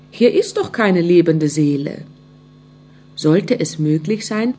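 A woman's voice: fairly low pitch, mellow, slight background noise. A woman voicing an old male carpenter who talks to himself and gets easily frightened, in a storybook. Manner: talks to himself, stammering when scared.

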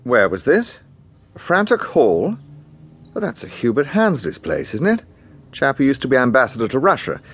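An actor playing a dry, urbane police inspector with an upper-class English accent, asking clipped questions in a radio drama. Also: male voice, mid-range voice, huge pitch swings, normal speed, husky. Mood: brisk. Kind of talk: radio detective drama acting.

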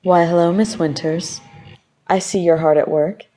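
Cocky male tycoon, a woman reading him, low mellow voice, bossy and self-assured. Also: steady tone, measured pace, faint music behind. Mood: smug. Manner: smug, commanding. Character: arrogant wealthy male company owner.

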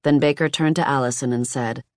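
Steady nonfiction audiobook narrator, mid pitch, very dry close studio mic. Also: a little fast, dry recording.

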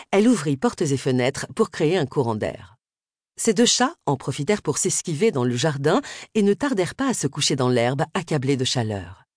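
A woman narrating an audiobook in an expressive, scripted reading. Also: low voice, no room sound, studio quality.

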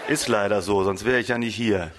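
A man reading the part of a stubborn, brash male blackbird in a comic storybook, in a voice close to his own with a low pitch. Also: fairly quick, noisy background, lightly acted. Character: cocky male blackbird wanting a beard.

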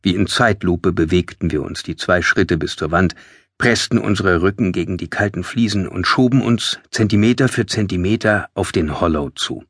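Husky low male audiobook narrator. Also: fairly bright tone, dry recording, studio quality. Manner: tense, measured storytelling. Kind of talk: scripted first-person audiobook narration. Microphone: close studio mic.

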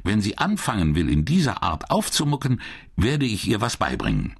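A male narrator voicing a scheming older woman in an audiobook, shrill and cold. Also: huge pitch swings, normal speed, gravelly, slightly rough, heavily acted. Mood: irate.

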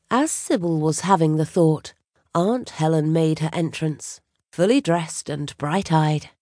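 A woman narrating an audiobook in a measured, even storytelling manner. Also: sits low, dry recording, clean studio sound. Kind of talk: scripted narration.

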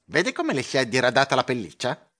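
A man voicing a slick, curly-furred male mouse who delivers and sells, with a smooth, confiding salesman's manner in a storybook audiobook. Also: medium pitch, huge pitch swings, fairly quick, sharp tone.

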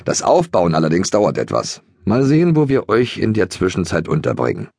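A man's voice: low voice, wildly swooping pitch, normal speed, creaky, darkish tone, breathy edge, dry recording, studio quality, full character voice. A man voicing a cheerful, easygoing farm man who talks in a breezy, carefree way.

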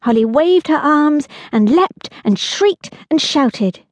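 A woman narrating a children's audiobook in a lively, expressive storytelling manner. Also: high voice, slow, no room sound.

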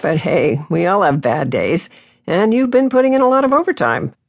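A woman voicing a friendly, easygoing young male deputy with a warm, reassuring manner, read for an audiobook. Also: fairly low pitch, big pitch swings, moderate pace, creaky, pitched above the performer's own voice, exaggerated voice.

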